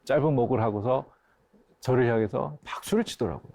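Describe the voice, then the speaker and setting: A man's voice: medium pitch, brisk, gravelly. A man, a pastor and grief counselor, telling a personal story in a lecture and acting out the voices of the people in it. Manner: animated, acts out dialogue in his story.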